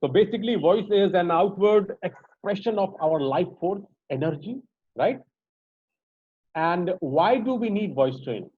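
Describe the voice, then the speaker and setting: A man's voice: high-pitched, lively intonation, measured pace, husky, no echo. Man leading an online voice class. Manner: interactive, asks the group questions. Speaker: voice trainer. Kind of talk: online training session. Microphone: video call. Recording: dry, slightly dull call audio.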